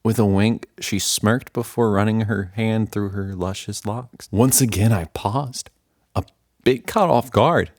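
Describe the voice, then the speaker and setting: A man's voice: lowish voice, a little slow, darkish tone, dry recording, studio quality. A man narrating a horror story in a wry, self-deprecating storytelling manner.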